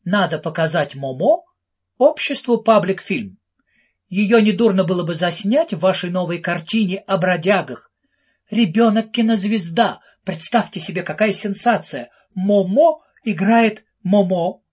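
A man's voice: high voice, a little slow, breathy edge, lo-fi sound. A man voicing an effusive female publicist hungry for sensation, in an audiobook. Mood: enthusiastic. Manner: effusive, showy.

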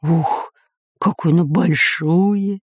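A woman voicing a greedy, scheming male pirate who is a sidekick and sometimes talks in a hushed, plotting way. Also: lowish voice, takes it slowly, breathy edge, no room sound, studio quality.

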